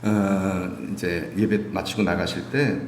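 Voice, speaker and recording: A man's voice: sits low, slow pace, slight background noise. A male pastor preaching a sermon and leading prayer, often asking the congregation questions. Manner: animated, asks the congregation questions. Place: church sanctuary. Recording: echoey church hall with faint music.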